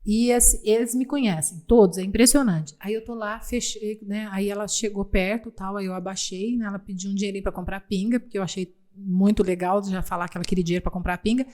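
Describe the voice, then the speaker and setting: A woman's voice: mid-range voice, fairly quick, hardly any pauses. A young adult woman, a TV reporter chatting casually as a podcast guest and acting out the people in her stories. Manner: lively storyteller, acts out quoted people. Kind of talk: casual chat. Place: podcast studio.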